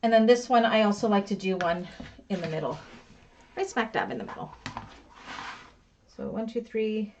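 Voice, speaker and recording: A woman's voice: mid-range voice, normal speed, long pauses. A woman teaching a live bag-making class, chatty and self-deprecating, talking to herself as she works. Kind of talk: live class instruction while sewing. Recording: slightly dull lo-fi with faint noise.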